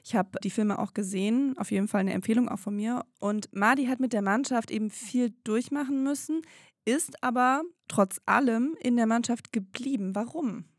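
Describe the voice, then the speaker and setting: A woman with a fairly high voice hosts a podcast interview, asking questions casually and conversationally at a normal pace. The sound is clean studio quality with no room sound.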